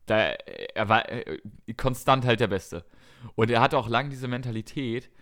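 A man in casual conversation on a darts podcast, with a voice of ordinary middle pitch. He rambles and corrects himself as he goes, often reeling off long lists of results. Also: lively intonation, unhurried, fairly bright tone. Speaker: podcast co-host. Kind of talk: casual chat about darts.

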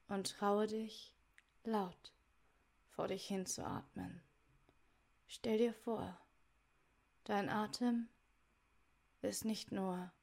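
A woman leading a guided meditation in a soft, soothing voice, giving measured instructions in short phrases that sometimes trail toward a whisper. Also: medium pitch. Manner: soft, soothing delivery with breathy, near-whispered phrase endings.

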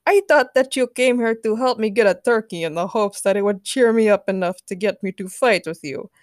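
Woman reading Colossus, calm and good-natured. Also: mid-range voice, fairly quick, dry recording, studio quality, natural voice. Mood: protesting. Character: strong, calm male superhero, good-natured.

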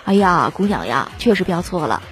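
A woman voicing a middle-aged shopkeeper who speaks in a slow, drawn-out way. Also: on the low side, big pitch swings, voice pushed down. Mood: knowing.

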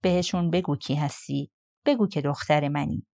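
A woman voicing a tender, ailing middle-aged mother in an audiobook, speaking softly and intimately. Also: low voice, gravelly, no room sound, studio quality.

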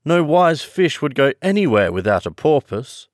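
A man's voice: on the high side, sing-song, normal speed, no room sound, clean studio sound, voice pushed up. A man voicing a melancholy, easily offended old male turtle creature in a children's storybook, speaking ponderously and emphatically. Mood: huffy, insistent.

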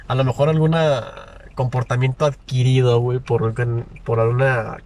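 A man's voice: mid-range voice, little pitch movement, normal speed, a little mellow. A young Mexican man co-hosting a casual podcast from a car, slangy and hesitant as he searches for words. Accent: Mexican Spanish. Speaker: podcast co-host. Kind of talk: casual chat. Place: inside a car. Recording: noisy car interior.

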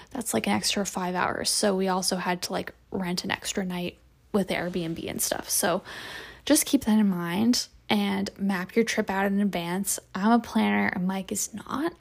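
A young woman in her twenties hosting a casual solo podcast, chatty, with lots of "like" and "um" and soft laughs. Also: mid-range voice, creaky. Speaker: podcast host. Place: home room with a window to the street.

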